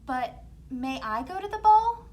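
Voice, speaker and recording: A woman's voice: high voice, very animated, a little slow, darkish tone, pitched above the performer's own voice. A woman voicing a kind, wistful young girl in a fairy tale storybook. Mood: wistful, pleading.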